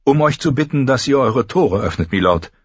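A man's voice: mid-range voice, expressive, slightly rough, dry recording, lo-fi sound, pitched above the performer's own voice. A man voicing a composed, courteous noble lady, in an audiobook reading. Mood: polite. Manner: measured, polite.

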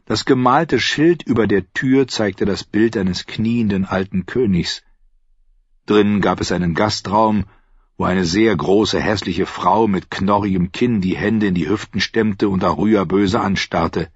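Male audiobook narrator, expressive; husky voice, dry close sound. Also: on the low side, measured pace, no room sound, lo-fi sound. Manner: expressive storytelling. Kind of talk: scripted narration.

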